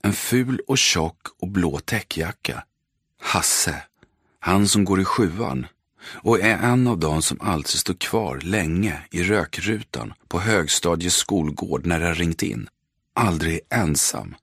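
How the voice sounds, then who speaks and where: Man, audiobook narrator, very deep voice, husky, dry close sound, measured and terse. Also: expressive, fairly bright tone, no echo. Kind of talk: scripted narration.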